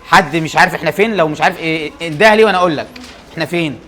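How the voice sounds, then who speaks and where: A young man with an Egyptian Arabic accent, teaching an English grammar class. He keeps firing quick questions at his students and answering them himself. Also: on the high side, fairly bright tone, slight background noise.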